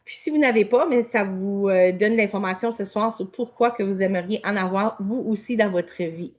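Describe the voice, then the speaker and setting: A woman's voice: medium pitch, normal speed. A woman from New Brunswick with an Acadian French accent, presenting casually on a video call with many fillers. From New Brunswick, Canada. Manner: hesitant, many fillers, chatty. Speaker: guest presenter.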